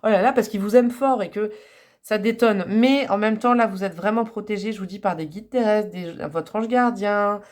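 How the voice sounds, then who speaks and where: A woman's voice: medium pitch, moderate pace, darkish tone. A woman giving a casual tarot reading to camera, chatty and rambling, with frequent fillers and small laughs. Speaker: tarot card reader.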